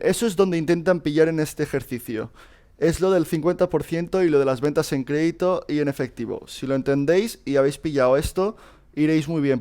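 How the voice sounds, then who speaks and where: A man's voice: on the high side, a little mellow, clean tone. Guy walking students through an exam, chatty, lots of "eh" and restarts, clean voice. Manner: informal, addresses students directly, frequent fillers and restarts. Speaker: teacher solving a past exam. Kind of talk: casual screen-recorded lesson.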